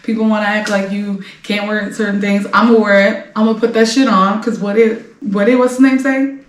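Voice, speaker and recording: A woman's voice: mid-range voice, little pitch movement, moderate pace, reverberant, far from the mic. A woman in her late twenties hosting a celebrity gossip podcast, talking casually in a brash, blunt way and swearing freely. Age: late 20s. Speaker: podcast host.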